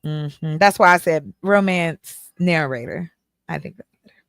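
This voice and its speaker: A woman hosting a casual group chat in a playful, teasing, animated manner. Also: low-pitched, measured pace, vocal fry, clean tone, dry recording, studio quality. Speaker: host.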